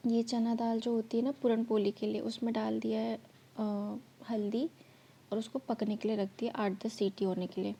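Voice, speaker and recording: A woman's voice: on the high side, mellow, breathy edge. Chatty woman with a slightly sore throat. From India. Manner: chatty, explains each step. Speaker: vlogger. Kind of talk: cooking vlog voice-over.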